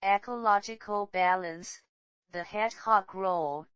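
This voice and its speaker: Slow-speaking woman announcing documentary titles. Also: mid-range voice, a bit bright, muffled recording. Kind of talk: scripted documentary title reading.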